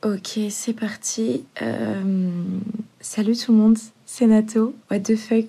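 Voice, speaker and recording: A woman's voice: medium pitch, dark tone, husky. A young woman hosting her solo podcast, chatting in a rambling, self-mocking way with casual swearing and English slang, recorded in bed on a phone dictaphone propped on a laundry basket. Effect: recorded on a phone's dictaphone app. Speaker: podcast host. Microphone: phone lying on a laundry basket.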